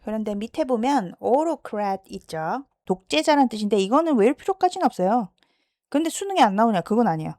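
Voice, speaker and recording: A woman teaching English vocabulary in a lecture style. She checks understanding with frequent questions and slows down to sound out English words. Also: fairly high pitch, very animated, warm tone, dry recording, clean studio sound.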